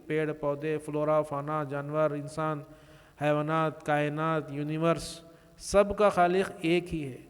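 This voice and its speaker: Man, somewhat high voice, smooth and resonant, measured teaching cadence with restarts; long echoey reverb. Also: fairly bright tone. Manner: measured, explanatory, with frequent pauses and restarts; mixes English words into his speech. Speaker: religious speaker. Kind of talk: religious lecture.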